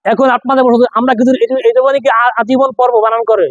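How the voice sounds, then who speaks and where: A man's voice: very high voice, fairly even intonation, quick pace, no echo, highs cut off. A man teaching Quranic letter reading to a class, spelling out sounds and asking questions that he answers himself. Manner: drills spelling by call and response, asks questions and answers himself. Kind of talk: classroom lesson.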